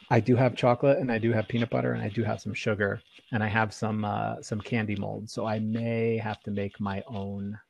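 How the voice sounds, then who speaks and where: A man's voice: fairly low pitch, little pitch movement, normal speed, vocal fry, darkish tone. A man in a casual chat, easygoing and rambling, often restarting his sentences. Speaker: podcast co-host.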